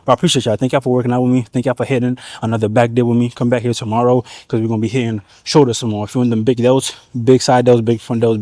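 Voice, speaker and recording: A man's voice: mid-range voice, dark tone, no room sound. A man vlogging from the gym, coaching viewers through a back workout in a laid-back, slangy way, a little out of breath. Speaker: fitness vlogger. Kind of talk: casual gym vlog talk to camera.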